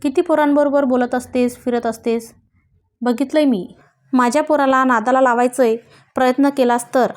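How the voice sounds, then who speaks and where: A woman reading the part of an angry mother who scolds and shouts at a young woman. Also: high voice, steady tone, moderate pace, natural voice. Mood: scolding.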